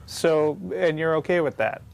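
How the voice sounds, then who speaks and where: A man with a slightly high voice co-hosts a call-in show. He speaks in short, unscripted interjections, often questioning. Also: moderate pace. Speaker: co-host of an atheist call-in show.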